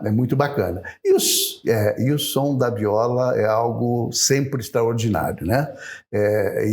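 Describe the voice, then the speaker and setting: A man's voice: medium pitch, darkish tone. Chatty Brazilian man hosting an interview. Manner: admiring, chatty questions with many filler tags. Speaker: interview host. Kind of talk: interview conversation.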